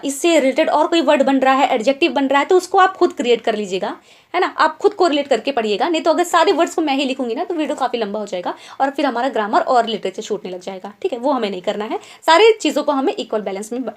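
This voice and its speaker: A woman's voice: high-pitched, lively intonation, fast talker. A young woman teaching an online English vocabulary lesson, explaining in Hindi mixed with English words and checking in with her students after nearly every point. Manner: keeps asking quiz questions and tag checks like "ठीक है?".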